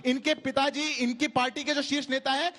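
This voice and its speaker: Combative high-voiced male debater. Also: flat delivery, brisk, pushed and bright. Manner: combative, rhetorical, talks over others. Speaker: party spokesperson in a TV debate. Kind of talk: heated political debate.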